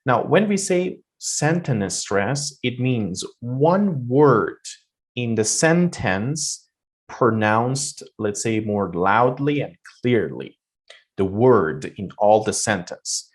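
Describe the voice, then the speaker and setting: A man's voice: mid-range voice, animated, slow pace. A young man teaching English pronunciation, demonstrating stressed syllables with exaggerated emphasis and frequent fillers. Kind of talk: explaining pronunciation lesson.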